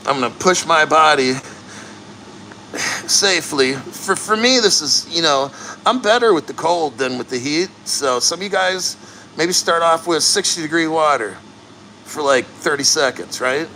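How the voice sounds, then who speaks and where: A man chatting casually and bluntly to livestream viewers, earnest and straining through the cold as he sits neck-deep in an ice plunge. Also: expressive, measured pace, pushed and bright, slight background noise, poor audio. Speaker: livestream host.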